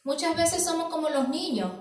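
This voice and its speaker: A woman's voice: very high voice, animated, moderate pace, a little mellow. A woman preacher giving an evening sermon in church, stressing key words and asking rhetorical questions, with a hall's echo heard from a distance. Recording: echoey church hall from far off.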